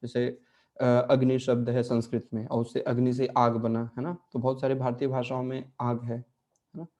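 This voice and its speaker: Calm, mellow-voiced male teacher. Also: mid-range voice, moderate pace. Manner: explanatory, checks in often with "है ना?" and "ठीक है?". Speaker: Portuguese language teacher. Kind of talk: online language lesson.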